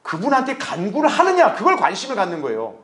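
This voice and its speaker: A man's voice: sits high, quick pace. A male pastor giving an expository sermon to a congregation. He asks rhetorical questions, answers them himself, and acts out short dialogues in several voices. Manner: animated, acts out dialogue between the Lord and believers. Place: church sanctuary.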